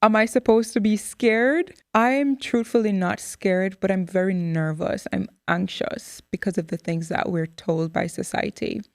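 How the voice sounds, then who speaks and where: Woman in her 30s hosting a candid chat, lively and expressive, dry audio. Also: medium pitch, unhurried, gravelly, hardly any pauses, no echo. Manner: animated and expressive. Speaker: host.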